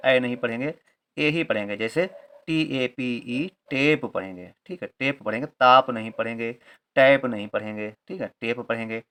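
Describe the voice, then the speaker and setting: A man's voice: medium pitch, fairly bright tone. A man teaching English reading rules, patiently spelling words letter by letter and repeating each point with a confirming aside. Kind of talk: Hindi-medium English reading lesson.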